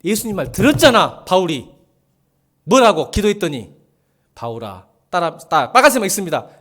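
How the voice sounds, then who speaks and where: Animated pastor with a lively voice. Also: male voice, high voice, normal speed. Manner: animated, joking with the congregation, bursts into shouting. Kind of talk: sermon. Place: church sanctuary.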